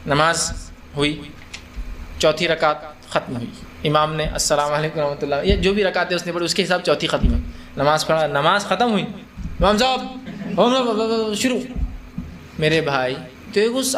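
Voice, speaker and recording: A man's voice: high-pitched, fairly bright tone. A man giving a religious lecture, explaining conversationally by asking and answering his own questions and acting out scenes. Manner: acts out scenes with shifted voices. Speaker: Islamic lecturer.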